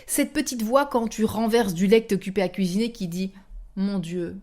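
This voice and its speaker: A woman hosting a motivational podcast, speaking directly to the listener in an animated, coaxing way and acting out inner thoughts. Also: mid-range voice, brisk. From France. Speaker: podcast host and coach.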